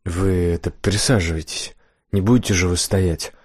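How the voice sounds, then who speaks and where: A man's voice: low voice, normal speed, a little mellow, no room sound, clean studio sound. A man voicing a timid village blacksmith who talks hesitantly and stammers when frightened, in an audiobook. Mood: nervous, polite. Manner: hesitant, stammering, anxious to please. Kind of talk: audiobook character reading.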